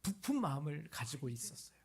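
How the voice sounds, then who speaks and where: A man's voice: a little high, sing-song, a little fast, vocal fry, slightly rough. A man pastor preaching a sermon, retelling a story with dramatic acted-out cries.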